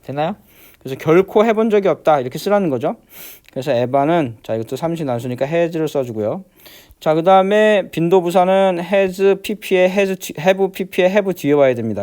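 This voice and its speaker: A man teaching an English grammar lesson, walking through exercises step by step and constantly asking whether students follow, stretching out the English words slowly. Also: on the high side, a little mellow. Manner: repeats check-in questions, many fillers; slows down to spell out English words.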